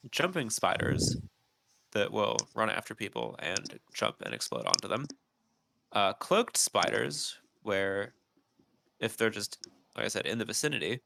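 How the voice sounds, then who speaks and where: A man with a gravelly, slightly low voice that has a bright edge, talking on a podcast. He rambles through explanations with ums and pauses, his nose stuffy, in a dry close recording. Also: slight background noise. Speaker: podcast co-host. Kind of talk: casual chat.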